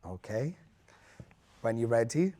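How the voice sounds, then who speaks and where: Guy judging auditions, straight talking but encouraging, giving feedback in a mid pitched voice. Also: very animated, takes it slowly, warm tone. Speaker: talent show judge. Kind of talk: spoken audition feedback and questions.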